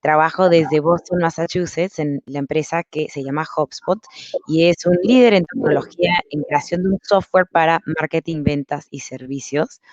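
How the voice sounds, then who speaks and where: A woman's voice: low voice, normal speed, darkish tone, dry recording, muffled recording. A woman from Peru, a marketing consultant giving an upbeat online masterclass, explaining step by step over a video call. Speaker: guest speaker, marketing consultant.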